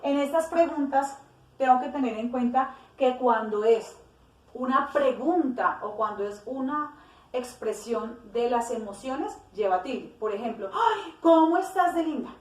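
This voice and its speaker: This grammar teacher, a woman with a fairly high voice, speaks at a measured pace and breaks the rules down gradually. She acts out little example phrases and occasionally stops to fix what she said. The recording is distant, with the roomy echo of the space around her.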